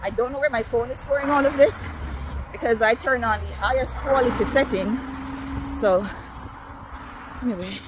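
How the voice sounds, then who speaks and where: A woman's voice: on the high side, moderate pace, pauses often, noisy background. A woman from Jamaica, chatting casually to viewers on a phone while walking outdoors, a little out of breath. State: slightly out of breath. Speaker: vlogger. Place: outdoors on a neighborhood street.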